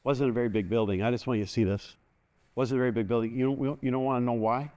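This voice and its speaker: A middle-aged man preaching a sermon from a church stage, animated and constantly calling for an "amen" from the congregation. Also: mid-range voice, fast talker, smooth. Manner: animated, moves about the stage, call-and-response asking "amen". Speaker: pastor. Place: large church stage, indoors.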